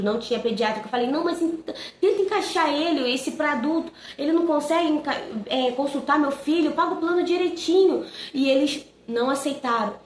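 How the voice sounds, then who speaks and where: A young woman telling a personal faith testimony in an earnest, emotional way, often asking "sabe?". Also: sits high. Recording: echoey room with faint noise.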